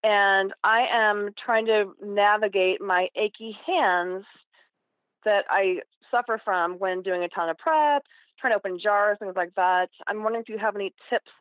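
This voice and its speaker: A woman's voice: mid-range voice, normal speed, dry recording. A woman in her fifties calling in over the phone to a cooking radio show, chatting casually and loosely with many fillers. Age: 50s. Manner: plain, chatty, loose with fillers like "like" and "you know". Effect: heard over the phone. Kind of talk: casual call-in chat. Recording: tinny dry phone line.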